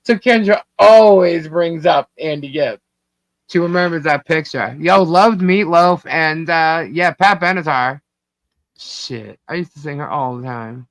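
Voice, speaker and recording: This woman from Long Island, New York has a low voice and speaks a little slowly as she hosts a casual live stream, chatty, rambling and quick to laugh. Her voice drops out over a poor internet connection, and the dry stream audio is dull and lo-fi.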